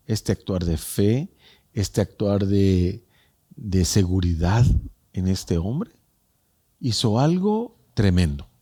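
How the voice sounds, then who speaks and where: A male pastor preaching a sermon, repeating phrases for emphasis and swinging between raised cries and hushed lines. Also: on the low side, husky.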